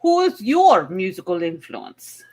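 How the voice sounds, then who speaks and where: A woman doing a slow, theatrical Russian bachelorette. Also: mid-range voice, very animated, darkish tone. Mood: haughty, coy. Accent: put-on Russian. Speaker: contestant picking a band. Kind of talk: improv game-show comedy.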